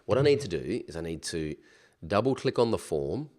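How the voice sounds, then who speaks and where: A man with a nasal, blocked-up voice from a cold, like he has his nose pinched, giving a casual, chatty software tutorial with informal asides. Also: sits low, big pitch swings, moderate pace. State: recovering from a cold. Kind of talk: casual screen-share tutorial.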